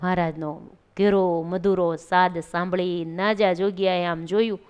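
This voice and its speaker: Smooth-voiced woman telling a devotional story. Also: on the low side, a little slow. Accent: Gujarati. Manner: expressive, acts out quoted devotees in a pleading voice. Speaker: religious storyteller.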